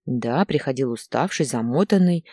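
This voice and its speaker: A woman reads a story aloud with expressive, lively pitch. Her voice is low, dark and husky. The recording is close and dry. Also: moderate pace, dry recording. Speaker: audiobook narrator. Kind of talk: scripted narration.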